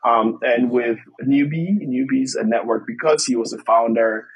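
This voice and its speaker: A man's voice: medium pitch, normal speed, slightly rough, low-quality recording. A man from Togo, answering interview questions as a podcast guest in a hesitant, explanatory manner. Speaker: podcast guest, startup investor.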